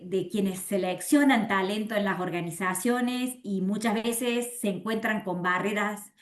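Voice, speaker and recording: A woman representing a university gives formal closing remarks, speaking haltingly with many restarts and fillers. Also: medium pitch, reverberant.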